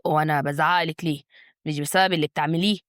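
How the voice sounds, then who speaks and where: A woman performs a tense young Egyptian husband whose words come short and clipped. The voice sits low for her and moves quickly. It is recorded dry and close. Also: a bit bright, no room sound, lightly acted. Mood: stern. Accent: Egyptian Arabic.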